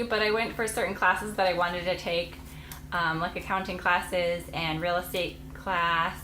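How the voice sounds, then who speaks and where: A woman's voice: medium pitch, sharp tone, reverberant, a little hiss or hum, low-quality recording. A woman in her late twenties, a homeschooling mom vlogger, chatting casually and rambling to camera with frequent laughs. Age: late 20s.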